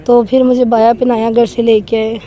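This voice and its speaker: In an interview, a woman earnestly recounts a frightening personal experience, her voice trembling and shaken. She speaks on the high side with little pitch movement and a warm tone, telling the story with emotion.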